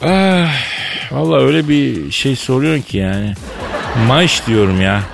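A man's voice: medium pitch, lively intonation, moderate pace, vocal fry, music in the background. A man hosting a comic radio show, bantering and acting out a mock phone call.

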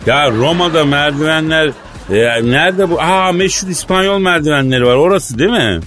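A man's voice: on the high side, fairly quick, fairly bright tone, faint music behind. A man hosting a radio comedy sketch as the playful straight man, teasing in a mock-formal way.

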